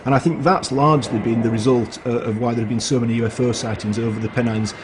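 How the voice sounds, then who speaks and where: A man speaks as an interviewed expert, measured and explaining step by step, with some restarts. Clear noise sits behind his voice. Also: mid-range voice, fairly even intonation.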